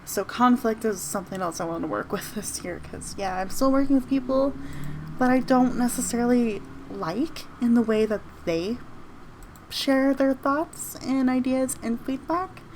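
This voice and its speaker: A woman's voice: a little high, unhurried, darkish tone, a little hiss or hum. A woman hosting a reflective solo podcast from home, talking earnestly and rambling with restarts. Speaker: podcast host and teacher. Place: home room with open window downtown.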